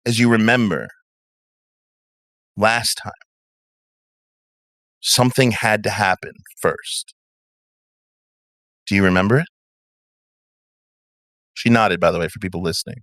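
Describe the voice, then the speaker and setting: A man runs a tabletop game in a bright, forceful voice that sits a little low. He narrates scenes dramatically and swears freely. The recording is dry and close. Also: measured pace, long pauses, no echo. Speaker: game master.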